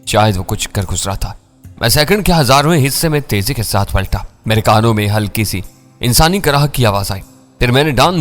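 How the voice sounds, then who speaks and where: Low-voiced man reading a thriller. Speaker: storyteller. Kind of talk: scripted first-person thriller narration.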